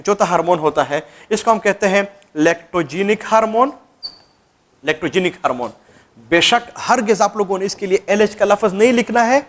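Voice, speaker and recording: A man teaching a class, asking questions and answering them himself. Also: high-pitched. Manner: repetitive, quizzing students then answering himself. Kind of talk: classroom lecture.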